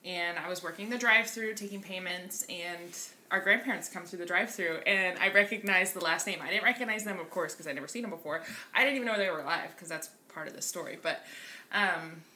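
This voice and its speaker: Twenties woman guest on a podcast, very bright low-ish voice, faint room noise. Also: brisk. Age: 20s. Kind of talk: casual podcast chat.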